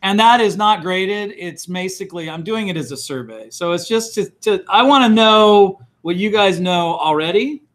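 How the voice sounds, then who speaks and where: A man's voice: high-pitched, expressive, normal speed, hardly any pauses, a bit bright. A middle-aged man teaching a college class, talking casually with many fillers and restarts while he calls roll in a classroom. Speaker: college instructor. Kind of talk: classroom lecture, taking roll call.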